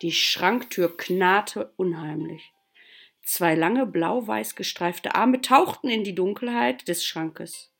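A woman's voice: medium pitch, gravelly, soft background music. Woman teacher reading a story aloud. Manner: slow, expressive storytelling.

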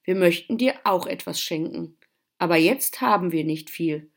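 A woman voicing a small, grateful songbird in a children's Christmas storybook, with a gentle, thankful manner. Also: on the low side, animated, normal speed.

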